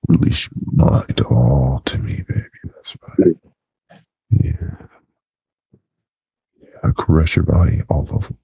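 A man speaking through a voice effect that pitches him very deep, in a slow, murmured, commanding intimate monologue. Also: gravelly, mellow, husky, no room sound. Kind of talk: intimate erotic hypnosis monologue. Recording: dull lo-fi dry recording.

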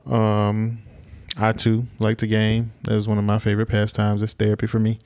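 A man's voice: fairly low pitch, completely flat delivery, normal speed, a little mellow, no room sound. A man from Alabama, hosting a casual podcast chat with teasing, dry banter. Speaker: podcast host.

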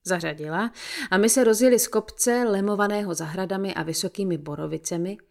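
A woman reading a first-person novel aloud in a measured storytelling voice with a dry, ironic edge. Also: mid-range voice, vocal fry, darkish tone. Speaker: audiobook narrator.

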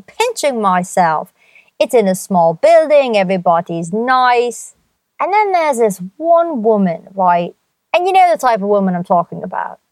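A woman's voice: mid-range voice, a little mellow, no room sound. A woman hosting her own podcast, talking in a playful, theatrical way with jokey asides. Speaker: podcast host. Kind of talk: chatty solo podcast monologue.

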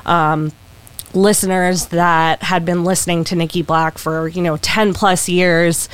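A woman from California, a podcast guest, telling a story in a friendly, halting way. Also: on the low side, flat delivery, smooth, poor audio. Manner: friendly, hesitant with many ums. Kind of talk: casual podcast chat.

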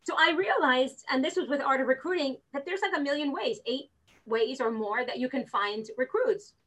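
A real estate recruiter guesting on a casual interview speaks at a normal speed in a high voice, though the audio is poor. She's full of energy and animation, playing out the conversations as she tells them.

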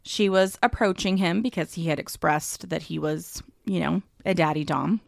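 This podcast co-host, a woman, chats casually and at length, leaning on fillers and breaking into easy laughter. Her voice is on the low side and gravelly, her speed normal, and the clean studio sound has no echo.

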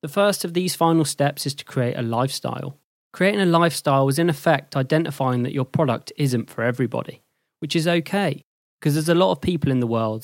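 A man delivers a scripted lesson in a measured, even voice. He sits at a middle pitch, and the sound is dry and close with no room around it. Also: no echo. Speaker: host and lecturer. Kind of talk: scripted explanatory narration.

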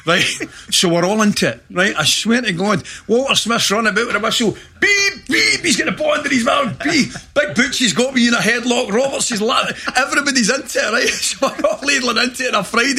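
A middle-aged Scottish man, a former footballer, telling lively anecdotes in casual chat and laughing through them. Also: extremely high pitch, a little fast, few pauses. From Scotland. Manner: animated anecdote teller, laughs through stories.

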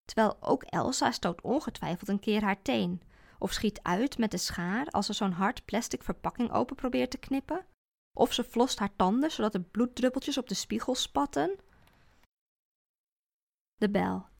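A woman reading a first-person story aloud, expressive with a deadpan sense of humour. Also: fairly high pitch, moderate pace, creaky.

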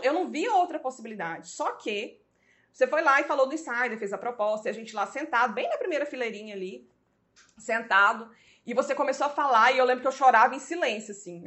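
A woman, a guest, telling her story conversationally and acting out the dialogue she quotes. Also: high-pitched. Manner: animated, acts out quoted dialogue.

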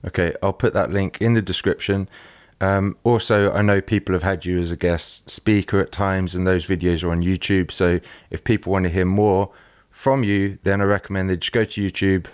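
A man's voice: deep voice, fairly even intonation, normal speed, no echo, studio quality. A man hosting a podcast, introducing and questioning his guest in a friendly, conversational way. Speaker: podcast host.

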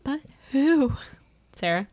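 A woman's voice: high voice, lively intonation, slow pace, darkish tone, no room sound. A young woman co-hosting a casual podcast chat, giggly and self-deprecating. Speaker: podcast co-host, florist.

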